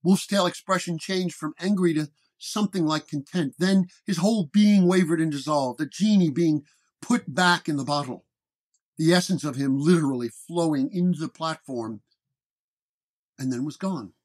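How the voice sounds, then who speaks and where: At normal speed and close to his everyday voice, a fairly high-pitched man narrates a case report as a weary, wounded 1930s detective. The performance is dramatic first-person storytelling with a reflective, tired mood.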